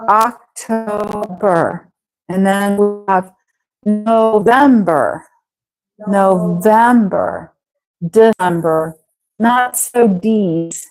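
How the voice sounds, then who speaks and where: A woman with an Ohio accent teaching an English pronunciation class, slowly repeating words for her students to say after her. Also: medium pitch. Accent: Ohio American English. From Ohio, USA. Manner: slow, patient, repeats words for students to echo. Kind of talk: live online English pronunciation lesson.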